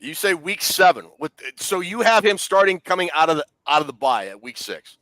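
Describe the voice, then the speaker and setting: A man hosts a casual sports talk show with a voice that sits a little high. The sound is dry and close. He steers the chat and needles his co-hosts with pointed questions. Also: sing-song, brisk, pushed and bright, no room sound. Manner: leads the discussion, teasing and quizzing co-hosts. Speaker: podcast co-host.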